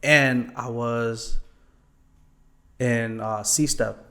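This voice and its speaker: A man's voice: mid-range voice, fairly even intonation, extremely slow, a bit bright. A young man from Thailand answering interview questions politely, often saying yes sir and um. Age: young adult. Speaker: guest, former college student.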